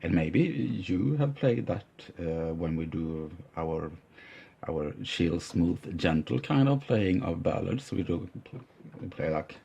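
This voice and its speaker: A middle-aged man teaching piano, explaining calmly with hesitant "uh" pauses and loudly chanting rhythm words as he plays. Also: deep voice, creaky. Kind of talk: explanatory music lesson. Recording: dull lo-fi sound with loud piano. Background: piano playing.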